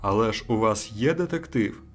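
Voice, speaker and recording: A man reading a calm, calculating hunter. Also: lowish voice, moderate pace, slightly rough, faint music behind. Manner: trying to sound casual and carefree. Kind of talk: audiobook character reading.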